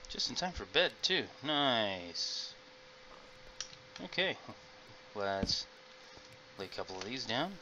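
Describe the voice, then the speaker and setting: A man's voice: mid-range voice, very animated, slow, pauses often, lo-fi sound. A middle-aged man casually commenting on his game as he plays, rambling and chatting to his viewers. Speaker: gaming video host. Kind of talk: casual let's-play commentary. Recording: noisy home mic recording.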